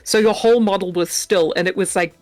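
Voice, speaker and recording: A playful, giggly woman talks casually as a podcast guest, plugging her audio work and then laying out the next episode's topics. Her voice sits at a middling pitch in a dry, dead-sounding space. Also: fairly even intonation, fairly quick, darkish tone, no room sound, faint music behind. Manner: playful, giggly, self-mocking.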